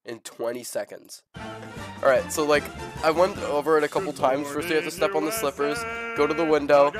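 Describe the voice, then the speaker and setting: Sick young man streaming, yelling and swearing. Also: fairly high pitch, moderate pace. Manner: profane, swings into excited shouting. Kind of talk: gaming livestream commentary. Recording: game music playing loudly behind. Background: game music.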